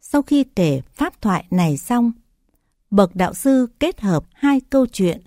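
A woman calmly reading Buddhist scripture tales aloud as a narrator, in an even reading voice. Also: mid-range voice, no echo, clean studio sound.

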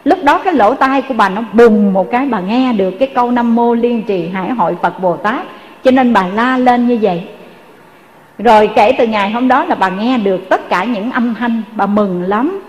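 A woman's voice: fairly high pitch, moderate pace, a little mellow, in a large hall, rough recording. A woman with a Southern Vietnamese accent telling a Buddhist story in a sermon, earnestly addressing her listeners. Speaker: Buddhist dharma speaker.

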